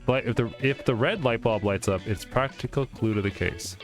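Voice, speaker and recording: With music running underneath, a man voices a game's dialogue and drops in informal asides as he plays. He speaks at a normal speed in a somewhat low voice, in typical let's-play commentary.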